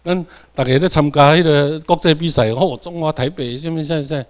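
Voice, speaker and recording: A man's voice: a little high, fairly even intonation, a little fast. A man from Tainan, Taiwan, with a Taiwanese accent, giving a classroom lecture. He repeats key points and keeps checking in with his students.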